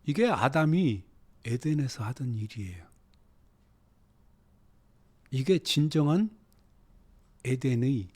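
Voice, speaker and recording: A man teaching a Bible lesson, dropping to hushed low phrases and then rising into urgent exhortation, with Hebrew words read out slowly. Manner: slow, drawn-out reading of Hebrew words.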